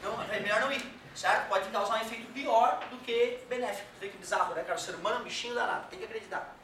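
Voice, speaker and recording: A man lectures a class in a fairly high, bright voice, cracking jokes and dropping swear words between the explanations. He is recorded from a distance in a very echoey room. Faint room noise sits under his voice. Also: very fast. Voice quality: joking, colloquial, drops swear words, acts out quoted voices. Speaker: physics teacher. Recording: very echoey room, mic far off.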